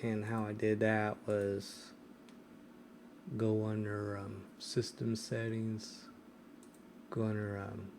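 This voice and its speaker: A man's voice: fairly low pitch, monotone, slow, long pauses, darkish tone, a little hiss or hum. A man hosting a casual screen-recorded tech tutorial, hesitant and full of ums and restarts. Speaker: tech video host.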